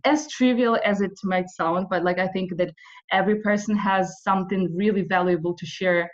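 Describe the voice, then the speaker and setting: A woman's voice: mid-range voice, steady tone, normal speed. A young woman from western Ukraine in her twenties, leading an online video workshop in a hesitant way, with many fillers. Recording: slightly dull audio.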